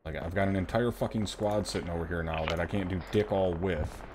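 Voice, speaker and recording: A man's voice: low voice, steady tone, fairly quick. A man chatting casually while gaming, exasperated and swearing freely. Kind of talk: casual muttered gaming chat. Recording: noisy gaming background.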